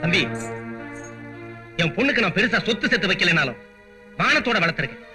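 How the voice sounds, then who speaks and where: An actor playing a proud but poor father who speaks gravely and pleads. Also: sits high, animated, fairly quick, music in the background.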